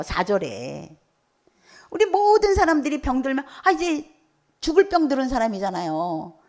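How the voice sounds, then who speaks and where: A woman preaching a sermon at a church service, firing questions at the congregation and breaking out with hallelujahs. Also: high voice. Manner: asks the congregation questions and waits for replies; bursts out with hallelujah.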